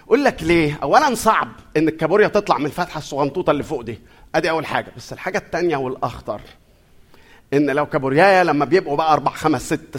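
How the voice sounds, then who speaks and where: Egyptian preacher guy, a bit high pitched, talky, keeps quizzing the room. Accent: Egyptian Arabic. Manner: lively, conversational, questions the audience. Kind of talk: sermon.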